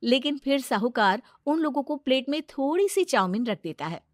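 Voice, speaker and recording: Woman storyteller, slightly high, close dry sound. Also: expressive, normal speed, dry recording. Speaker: narrator. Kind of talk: scripted Hindi moral story narration.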